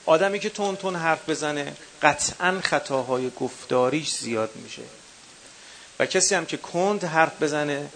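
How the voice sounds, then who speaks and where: A man with a Qom accent leads a teaching workshop and lays out his advice one numbered point at a time. His voice sits a little high for a man. He speaks to the room directly and calls his listeners dear ones. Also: a bit bright, a little hiss or hum. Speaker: workshop instructor for religious eulogy singers. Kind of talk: workshop lecture. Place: workshop session with a live audience.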